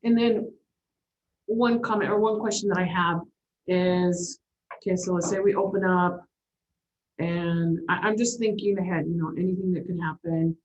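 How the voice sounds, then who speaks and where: A woman's voice: lowish voice, fairly even intonation, moderate pace. Woman board member thinking aloud. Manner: thinking aloud, frequent affirming murmurs. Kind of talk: board meeting discussion. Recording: dull meeting audio.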